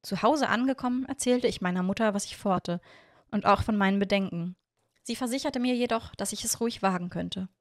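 A woman narrating a first-person storybook in an even, measured way. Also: medium pitch, dry recording, clean studio sound. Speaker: audiobook narrator.

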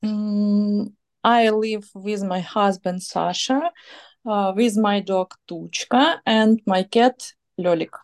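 Young Ukrainian woman, slow and steady. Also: mid-range voice. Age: 20s. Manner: simple, steady sentences. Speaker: student.

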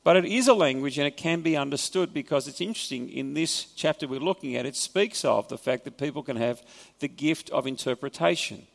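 Preaching in a large church hall, this Australian pastor unpacks scripture conversationally, dropping in wry asides. His pitch is fairly high, his voice creaky, and he talks a little fast.

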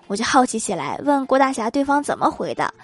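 A woman's voice: on the high side, big pitch swings, fast. A woman hosting a comedy segment, reading funny everyday anecdotes and laughing at her own punchlines. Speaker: host.

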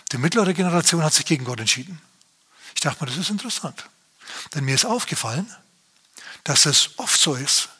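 A man's voice: a little high, sharp tone, breathy edge. A man preaching a sermon as pastor, speaking earnestly and straight to his listeners.

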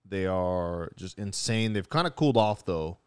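A young man hosting a casual sports podcast, talking fast with joking, profane banter. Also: sits low, animated, clean tone, dry recording. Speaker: podcast host.

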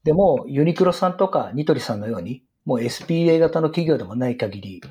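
A middle-aged man with a husky, rough voice explains business strategy in an interview in an earnest, emphatic way. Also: mid-range voice, expressive, quick pace, warm tone, a little hiss or hum. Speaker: retail business guest expert.

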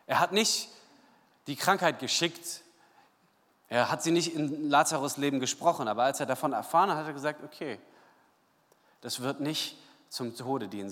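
A man preaching a sermon, retelling the story casually and voicing the figures with lively quotes. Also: medium pitch, big-room sound. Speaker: pastor.

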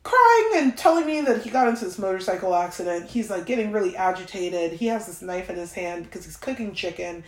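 A woman hosting a podcast, telling a personal story in a casual, animated way, swearing freely and acting out what she and others said. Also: medium pitch, fairly quick, hardly any pauses. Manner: profane, animated, quoting herself and others. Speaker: podcast host. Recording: roomy echo.

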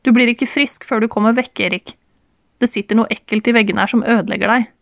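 A woman's voice: on the high side, steady tone, gravelly, no room sound. A woman reading the part of an insistent woman who presses a man she once loved, in an audiobook. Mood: pressing. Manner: pleading, pressing. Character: insistent, concerned woman confronting an old flame.

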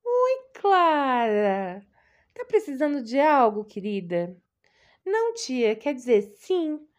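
A high, gushing older aunt, doting and bossy, who scolds and fusses over her niece on the phone, as a woman puts her on. Her voice rides well above a plain speaking pitch, showering endearments between reproaches. It sounds like a storybook reading. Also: big pitch swings, slow pace, lo-fi sound, full character voice. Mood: fussy.

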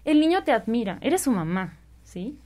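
Woman, parenting speaker, rambling casual talk, slightly high voice. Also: very animated, normal speed, warm tone. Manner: rambling, many tag questions. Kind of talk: casual conversation.

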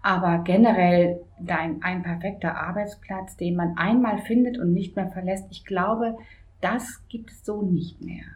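A woman in her late fifties, answering interview questions in a measured, frank and down-to-earth way. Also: fairly low pitch, steady tone, a little mellow, muffled recording. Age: 50s. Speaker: interview guest.

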